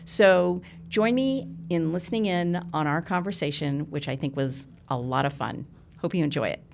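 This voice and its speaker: A woman hosting a podcast interview, asking friendly questions in a relaxed chat. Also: deep voice, normal speed, gravelly, slight background noise. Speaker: podcast host, surgeon. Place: guest's office.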